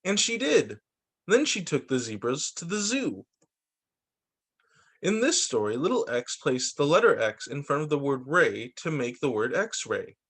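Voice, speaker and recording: Reading storytime books for young kids, this man has a husky, slightly high voice. His pace is very slow and deliberate, and his intonation swoops in a lively way. He phrases things in a sing-song manner, the way a teacher walks small listeners through each line.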